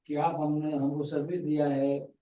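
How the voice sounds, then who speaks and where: A man's voice: fairly high pitch, little pitch movement, moderate pace, mellow, far from the mic. Hesitant man speaking from off-mic. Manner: hesitant, searching for words. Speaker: class participant. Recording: roomy, from off-mic.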